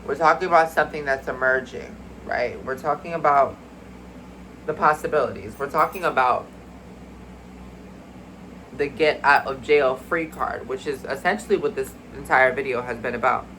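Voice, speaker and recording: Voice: mid-range voice, normal speed, fairly bright tone, a little hiss or hum, low-quality recording. A spiritual card reader in a casual, rambling video, talking mystically to viewers as y'all and sounding a bit congested. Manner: chatty, addresses viewers as y'all.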